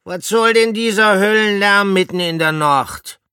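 A man voicing a grumpy, sleepy male animal in a children's story, loud and growling. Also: sits high, measured pace, smooth, dry recording, studio quality, voice pushed up. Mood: grumbling.

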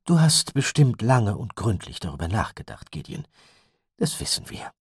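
A man voicing a calm, firm mother who speaks quietly but with a hard edge, soothing yet steady. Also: mid-range voice, normal speed, husky, dry recording, studio quality, pitched above the performer's own voice.

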